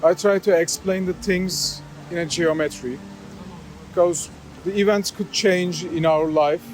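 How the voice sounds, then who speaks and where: A man with a Turkish accent giving unscripted interview answers as an artist, explaining his thoughts haltingly and searching for words. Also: fairly high pitch, darkish tone, rough recording. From Istanbul, Turkey. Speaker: artist, sculptor being interviewed.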